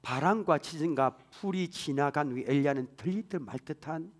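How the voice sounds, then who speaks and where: A pastor preaching a sermon in a church, swinging from hushed whispers to loud exclamations. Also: male voice, on the high side, normal speed.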